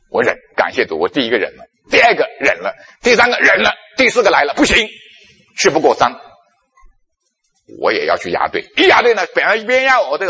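Husky animated male preacher in echoey hall. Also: on the high side. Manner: animated storytelling, acting out his own past self. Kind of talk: sermon with personal stories. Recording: long echo of a large hall.

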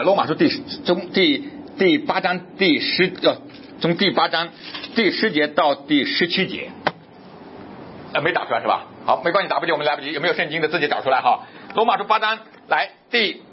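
A man preaching a sermon, asking questions and answering them himself, and reading scripture aloud slowly. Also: fairly high pitch, highs cut off, a little hiss or hum. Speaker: pastor.

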